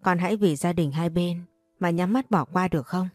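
A woman's voice: on the low side, normal speed, no echo, lightly acted. A woman reading the lines of an anguished middle-aged mother in a narrated story, imploring.

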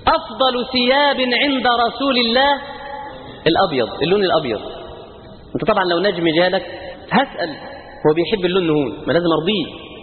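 Egyptian male preacher, fervent sermon, high voice, tinny lo-fi line, long hall reverb. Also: expressive, quick pace, pauses often. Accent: Egyptian Arabic. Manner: fervent, rising to loud emphatic peaks. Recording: tinny phone-like sound, long hall reverb, faint noise.

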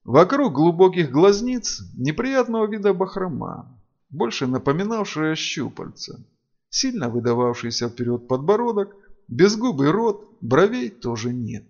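A man narrating a fantasy audiobook in an expressive, sing-song reading style. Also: a little high, a little slow, lo-fi sound.

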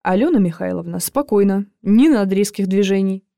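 A woman reader voicing a cheeky young man who speaks in hushed urgency and wheedles when he flatters. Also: medium pitch, fairly quick, gravelly, no echo, clean studio sound. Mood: urgent. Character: young male orderly, cheeky and quick.

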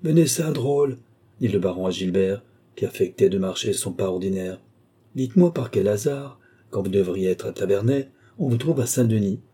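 A man's voice: lowish voice, lively intonation, normal speed, mellow, slightly rough. A man voicing a haughty, irascible older baron in an audiobook, with a scornful, blustering manner. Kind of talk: audiobook character reading.

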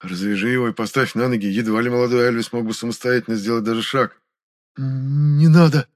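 A man giving scripted narration of a fantasy audiobook in a measured, steady reading. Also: mid-range voice.

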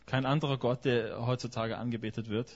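A man's voice: medium pitch, steady tone, a little fast, muffled recording. A man interpreting a sermon phrase by phrase, often hesitating with fillers and correcting himself.

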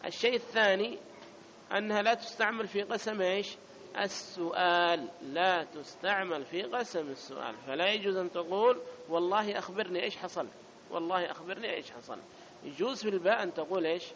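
A man's voice: sits high, fast, a bit bright, lo-fi sound, slight background noise. A man teaching an Arabic grammar class, who repeats each point and keeps asking whether students follow. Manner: repeats points and checks understanding. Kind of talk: classroom lesson.

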